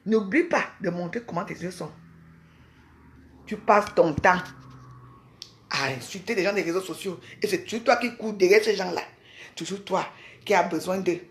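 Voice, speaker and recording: A woman's voice: lowish voice, normal speed, long pauses, a little hiss or hum. Heated woman taunting in a home rant. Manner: heated, taunting, repetitive rhetorical questions with tags like "hein". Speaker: social media personality ranting on a live video. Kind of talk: angry direct-to-camera rant. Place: her home, indoors.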